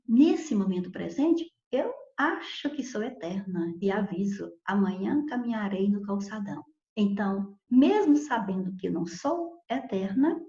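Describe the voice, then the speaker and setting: A woman teacher explaining grammar step by step, often checking understanding with quick tag questions and stressing key words slowly. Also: medium pitch, reverberant, lo-fi sound. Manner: lively, expressive emphasis with sudden slow stressed words. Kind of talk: grammar lesson.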